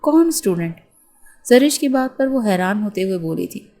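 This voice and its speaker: A woman's voice: mid-range voice, expressive, normal speed, a little mellow. Woman reading a romance novel aloud. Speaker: novel narrator. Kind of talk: scripted narration of a romance novel with acted dialogue.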